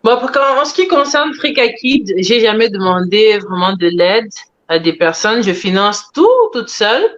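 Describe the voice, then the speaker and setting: A woman interviewed about her animation work, telling her story in an expressive, animated way. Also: medium pitch, moderate pace. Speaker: animation creator being interviewed. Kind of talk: conversational interview answers. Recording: dull lo-fi sound.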